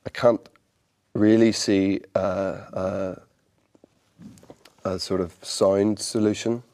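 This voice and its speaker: A Northern Irish man speaking in a fairly low voice as an interview guest. He answers thoughtfully and a little haltingly, often stumbling over his first words and starting again. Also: flat delivery, a little mellow. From Northern Ireland. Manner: thoughtful, hesitant, repeats words as he restarts. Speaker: actor guest. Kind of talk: interview conversation.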